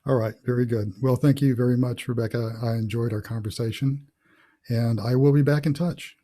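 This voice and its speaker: A man's voice: mid-range voice, steady tone, a little fast, mellow. A middle-aged man, an author hosting a casual interview over a video call, thinking aloud with many fillers. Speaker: author and host.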